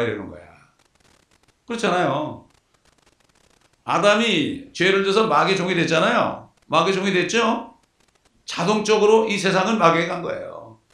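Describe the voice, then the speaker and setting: A man delivers a sermon with a gravelly, slightly raised voice, pressing the congregation with rhetorical questions. He sounds echoey and set back from the microphone. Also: a little high, a bit bright. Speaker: pastor. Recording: echoey, from far off the mic.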